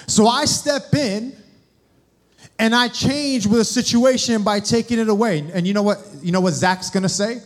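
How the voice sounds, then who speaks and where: A man's voice: high-pitched, normal speed. A young man preaching a sermon, addressing the congregation directly with questions. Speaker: guest preacher.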